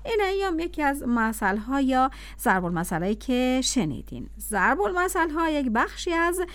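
A woman's voice: sits high, sing-song, no room sound. A woman radio host talking chattily to listeners, addressing them directly. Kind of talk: radio talk on proverbs.

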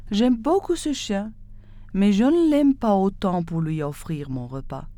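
Woman doing a weepy stingy man in a fairy tale, plaintive and slow, mellow. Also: medium pitch, animated, no room sound, natural voice. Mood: stubborn. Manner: plaintive, tearful delivery. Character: weeping, stingy man grieving his dog.

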